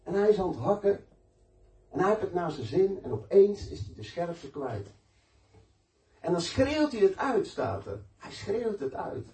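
A man's voice: sits high, big pitch swings, unhurried, mellow. A man preaching a sermon, telling stories in a conversational, emphatic way and mixing in personal testimony. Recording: echoey room, mic at a distance.

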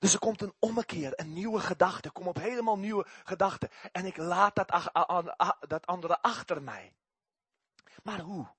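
A man preaches with a high, husky voice that swings widely in pitch. He tells his testimony in an animated way, repeating words as he builds up. The sound is close and dry. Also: moderate pace, dry recording. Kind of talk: sermon with personal testimony.

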